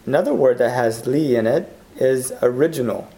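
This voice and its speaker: Mellow-voiced man teaching a language lesson. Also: medium pitch, moderate pace. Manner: explanatory, enunciates example words syllable by syllable. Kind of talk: scripted Hindi lesson narration.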